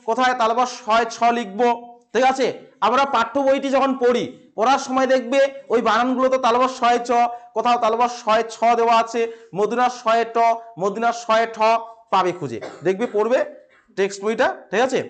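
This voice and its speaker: A man with a West Bengal accent teaching a classroom grammar lesson, asking questions and answering them himself, stressing key words slowly and repeating them. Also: very high-pitched, a bit bright.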